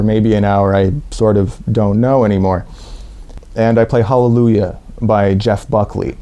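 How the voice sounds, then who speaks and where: A man from the USA with an American accent, telling a personal story in a lively way and acting out what people said. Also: fairly low pitch. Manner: lively anecdotal, acts out quotes.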